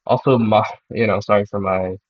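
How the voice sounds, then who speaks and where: A young man who is sick talks in a monotone, hesitant way, with many pauses and restarts, as he works through a math club problem. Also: on the low side, no room sound. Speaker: math club student presenter. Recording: dull dry recording.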